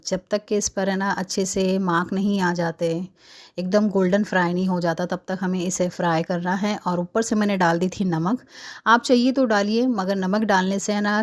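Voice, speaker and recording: A woman's voice: medium pitch, fairly even intonation, moderate pace. A woman in her thirties narrating a recipe in her home kitchen in a chatty, casual way, with frequent filler tags. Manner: chatty, many fillers like "hai na". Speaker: cooking vlogger.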